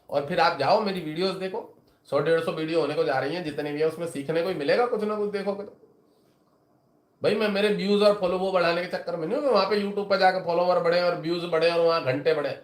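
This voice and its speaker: A man's voice: high voice, echoey room. A man, an astrologer and teacher, talking casually to his viewers in a rambling, chatty way and retelling conversations with his students.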